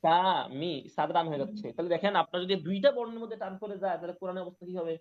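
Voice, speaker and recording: A male Quran reading teacher leads an online class, his voice slightly high for a man. He spells out each syllable patiently and repeats words again and again for his students. The call audio is dull and lo-fi. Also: racing. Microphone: online class call mic.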